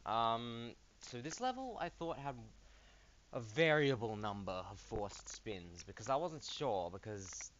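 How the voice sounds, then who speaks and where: A man giving casual gameplay commentary, chatting and thinking aloud, with bursts of excitement. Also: mid-range voice, unhurried. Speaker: let's play gamer. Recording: dull lo-fi voice with game music behind. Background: video game music.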